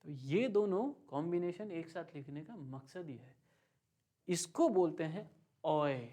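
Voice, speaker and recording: A man teaching a beginner German lesson, slowly drilling pronunciation by repeating words, with light joking asides. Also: sits high, animated, dark tone. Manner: slow, patient, drills words by repeating them. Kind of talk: online language lesson.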